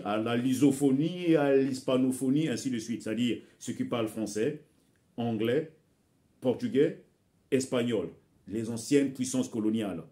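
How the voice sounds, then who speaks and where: In passionate direct-to-camera commentary, a Congolese man whose native tongue is Bembe exhorts his viewers, calling them brothers and sisters. He has a warm, dark, mid-pitched voice and tends to repeat words while searching for what to say.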